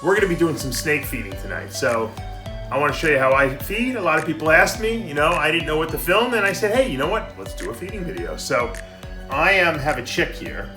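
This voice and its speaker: A man who breeds snakes, talking casually through a feeding vlog and sometimes dropping to a hushed voice. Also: on the high side, sing-song, brisk. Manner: chatty, drops to a hush. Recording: background music.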